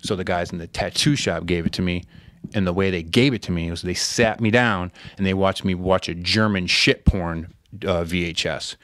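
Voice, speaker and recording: A man's voice: sits low, normal speed, a bit bright, no room sound. A man hosting a podcast in casual chat, laid-back, rambling and swearing freely. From Connecticut, USA. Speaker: podcast host.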